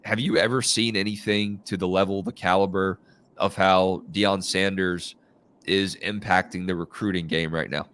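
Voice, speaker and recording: A man with a congested, nasal baritone that sounds like his nose is pinched, hosting live college football talk in a conversational, think-aloud way. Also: fairly even intonation, moderate pace, a bit bright. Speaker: host of a live college football recruiting show. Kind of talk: live sports talk and commentary.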